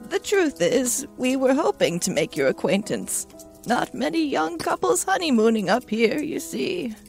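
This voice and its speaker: Woman as a friendly older neighbor wife, polite, apologetic, lilting, slightly gravelly. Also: high-pitched, sing-song, unhurried, darkish tone, soft background music, heavily acted.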